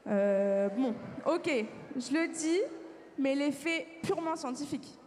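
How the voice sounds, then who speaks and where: A woman's voice: sits high, expressive, takes it slowly, a little mellow. A woman acting an upbeat, pedantic young crash survivor who lectures with many fillers, in a live stage sketch. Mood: explaining. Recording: reverberant hall with faint background noise.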